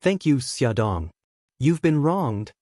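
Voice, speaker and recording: A man voicing an elderly grandmother who speaks softly and sorrowfully through tears. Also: medium pitch, sing-song, slow pace, dry recording, clean studio sound. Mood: tearful. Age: older. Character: elderly grandmother, tearful and resigned.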